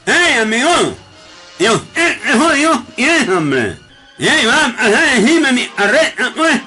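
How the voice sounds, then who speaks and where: A man's voice: mid-range voice, big pitch swings, slow pace, fairly bright tone, soft background music, heavily acted. A man voicing a hot-tempered male ox-cart driver who has a nasal speech impediment and swears constantly. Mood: angry.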